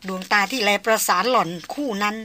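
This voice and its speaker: Female novel narrator, bright and clear, steady measured reading. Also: mid-range voice. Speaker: audiobook narrator.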